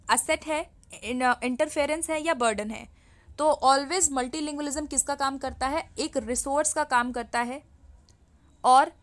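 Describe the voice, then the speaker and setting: A young woman teacher with an Indian accent, reading exam questions slowly and then explaining the answers, often checking in with her listeners. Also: high voice, fairly bright tone. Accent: Indian English. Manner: reads questions slowly, then explains in quick Hindi-English mix with frequent "ठीक है?".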